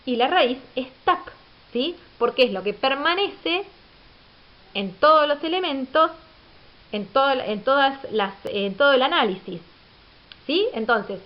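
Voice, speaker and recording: A woman's voice: sits high, expressive, a little slow. A woman teacher giving a recorded grammar lecture, explaining patiently and asking rhetorical questions. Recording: dull lo-fi audio.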